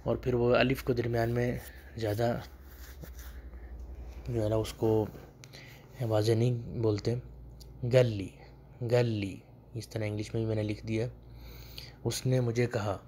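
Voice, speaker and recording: A man giving a video lesson on spoken Arabic dialect, explaining phrases patiently and repeating each one slowly with emphasis. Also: mid-range voice, flat delivery, mellow, slight background noise.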